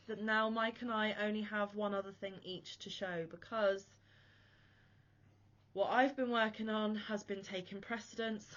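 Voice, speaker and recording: Chatting casually to camera while sick, a woman who runs a crochet channel sounds a little wheezy and chesty and rambles in a self-deprecating way. Her mid-range voice is slightly bright, and the sound quality is lo-fi.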